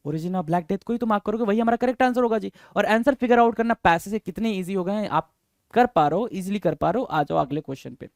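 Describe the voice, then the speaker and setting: A man with an Indian accent teaching exam English. He reads English lines slowly and explains them quickly in Hindi, with many fillers. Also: sits high, no room sound, clean studio sound. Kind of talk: classroom lecture explaining a reading passage.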